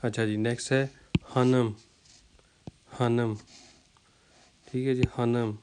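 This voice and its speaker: A man teaching a vocabulary lesson who speaks. He repeats each word slowly and uses many fillers as he explains. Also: mid-range voice, flat delivery, noisy background. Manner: slow, repeats words to drill pronunciation, many fillers. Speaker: language teacher.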